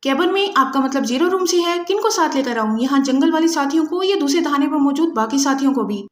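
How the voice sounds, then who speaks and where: A woman's voice: sits high, reverberant, close to an everyday voice. A woman voicing a respectful female subordinate who answers a radio call with puzzled questions. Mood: puzzled deference.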